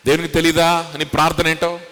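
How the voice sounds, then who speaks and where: A man's voice: a little high, monotone, a little fast, fairly bright tone, big-room sound. A man preaching a sermon as pastor, asking rhetorical questions and acting out the voices he quotes. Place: church hall.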